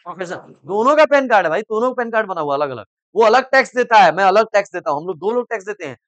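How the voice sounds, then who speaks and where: A middle-aged male commerce coaching teacher lectures his class in a high, lively voice, speaking very fast with a slightly bright tone and no echo. He explains things in simple Hindi using everyday examples and keeps asking "samajh mein aa raha hai?", prodding students to answer.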